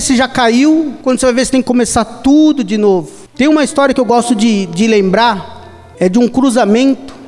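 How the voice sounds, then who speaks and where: Brief: emphatic, repetitive preacher with a Brazilian accent, very high voice, in a reverberant church with soft music behind. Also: male voice. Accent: Brazilian Portuguese. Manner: emphatic, repetitive, addresses listeners as "querido". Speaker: evangelist preacher. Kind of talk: sermon.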